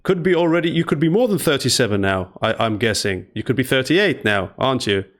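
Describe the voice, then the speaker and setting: A man's voice: mid-range voice, expressive, brisk, a bit bright. A man in his forties interviewing a guest over a video call, asking probing follow-up questions. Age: 40s. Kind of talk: remote interview.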